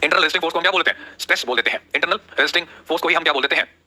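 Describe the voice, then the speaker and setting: A man's voice: fairly high pitch, racing, sharp tone. A man teaching a live online class, who keeps asking questions, repeating the key terms and urging viewers to take notes. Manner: asks rhetorical questions and repeats the answers.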